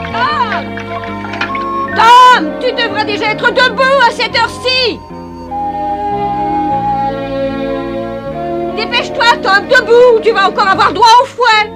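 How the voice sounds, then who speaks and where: A woman's voice: very high voice, measured pace. A woman voicing an exasperated, bossy, motherly aunt in a French cartoon dub, with music behind her. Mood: exasperated scolding. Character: scolding, motherly aunt raising a mischievous boy. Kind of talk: French dubbed cartoon acting.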